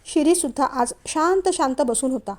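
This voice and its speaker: High-voiced woman storyteller. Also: moderate pace. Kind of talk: scripted story narration.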